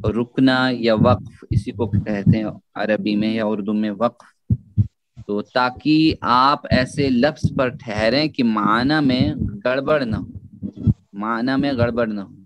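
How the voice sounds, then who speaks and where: A man leads a Quran recitation lesson at a middle pitch, his voice dry and close with no room sound. He repeats each key phrase slowly and lifts into chanted Arabic when he gives an example. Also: dry recording. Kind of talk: Urdu tajweed lesson.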